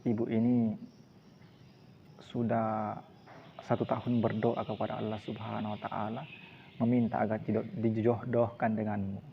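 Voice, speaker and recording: A man's voice: lowish voice, little pitch movement, moderate pace, vocal fry, long pauses. A man voicing a widowed middle-aged mother who speaks in a pleading, heartfelt way, on a dull lo-fi recording with faint hiss.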